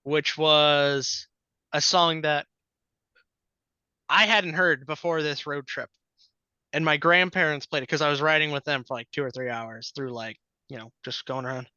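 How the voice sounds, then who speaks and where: Bright upbeat male podcast panelist. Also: on the high side, steady tone, moderate pace, smooth, dry recording, muffled recording. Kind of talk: casual panel chat.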